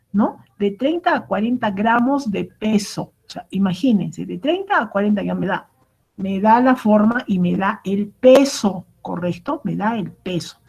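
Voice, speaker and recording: Female cooking teacher, raspy with some vocal fry, patient and explanatory, often checking understanding. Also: on the high side, a little mellow, dull audio. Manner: explanatory, keeps asking "¿correcto?" and "¿no?"; many fillers and restarts. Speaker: culinary instructor. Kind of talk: online cooking lecture.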